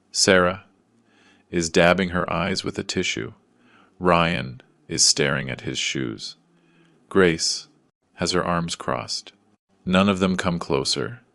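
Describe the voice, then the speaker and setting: A man reading a dramatic first-person story in a measured, somber way. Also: low-pitched, vocal fry, sharp tone, dry recording, studio quality. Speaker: narrator.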